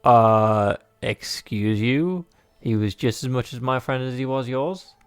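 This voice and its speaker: A man's voice: medium pitch, a little slow, smooth, faint music behind. A man playing through a visual novel, reading the narration aloud and adding rambling, joking remarks full of fillers. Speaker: game player and narrator.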